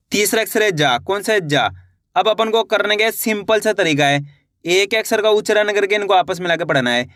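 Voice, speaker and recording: A man teaching children to read, sounding out syllables slowly and repeating each word after asking how to read it. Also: high-pitched, a bit bright, dry recording, studio quality. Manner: repetitive, drawn-out sounding of syllables with quiz questions. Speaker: Hindi reading teacher. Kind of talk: slow syllable-by-syllable reading lesson.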